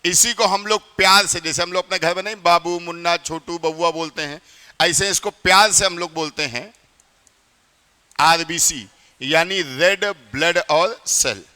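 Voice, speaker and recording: High, bright-voiced Hindi teacher in a reverberant hall. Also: male voice, a little slow, smooth, faint music behind. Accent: north Indian Hindi. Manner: chatty, quizzes students often. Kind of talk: classroom lecture. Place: classroom.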